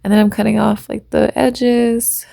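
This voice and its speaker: A woman's voice: on the high side, level tone, a little slow, vocal fry, mellow, no room sound. A woman vlogger giving a chatty, self-deprecating voiceover as she walks through her baking. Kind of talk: casual voiceover narration.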